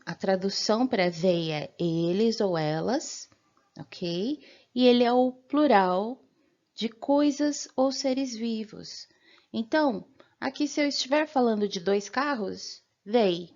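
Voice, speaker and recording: A woman's voice: medium pitch, expressive, takes it slowly, darkish tone, highs cut off. A woman with a Brazilian Portuguese accent teaching a beginner language lesson, patiently explaining and checking in with frequent "ok?"s. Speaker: English teacher.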